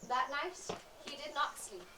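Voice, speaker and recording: A woman telling a fairy tale in a lively, dramatic storyteller manner. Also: sits high, a little slow. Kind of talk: expressive storytelling. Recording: roomy, distant, noisy.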